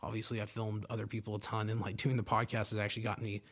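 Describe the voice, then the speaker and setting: A young podcast host delivers a loose, rambling solo monologue into a podcast microphone, full of fillers and swearing. His voice is fairly low, monotone, and rapid-fire.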